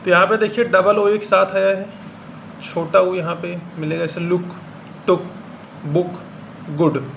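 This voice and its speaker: A man teaching pronunciation in Hindi, reading out example words one at a time in a slow, deliberate way. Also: high voice, little pitch movement, creaky. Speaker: English teacher. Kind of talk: classroom lesson explaining pronunciation. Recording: dull lo-fi sound with faint room hum.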